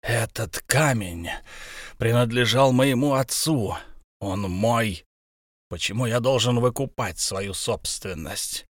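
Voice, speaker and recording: A man's voice: medium pitch, slow, no room sound, clean studio sound. A man playing a proud, stubborn dwarf king who speaks sternly and harshly.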